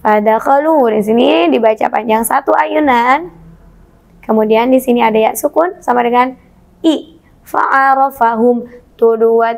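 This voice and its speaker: An Indonesian woman teaching Quran reading to children, patient and encouraging, drawing out Arabic recitation slowly. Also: fairly high pitch, gravelly.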